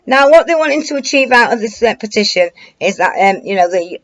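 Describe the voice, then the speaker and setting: A woman's voice: a little high, expressive, fairly quick, fairly bright tone, muffled recording. Rambling British woman giving commentary. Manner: rambling, hesitant, colloquial. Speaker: online commentator. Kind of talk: informal news commentary to camera.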